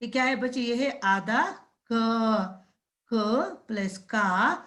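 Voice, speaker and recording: A woman with a fairly high voice gives a slow, unhurried classroom lesson. She breaks words into single syllables and repeats them, and she keeps turning to the children to check they have understood. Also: a bit bright. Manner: drawn-out syllable-by-syllable pronunciation drills. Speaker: primary school Hindi teacher.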